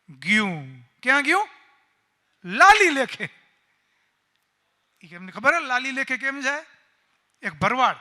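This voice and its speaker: A man's voice: very high-pitched, bright, forceful tone. A man, a swami, giving a sermon and telling a story, acting out the characters' voices. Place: satsang hall.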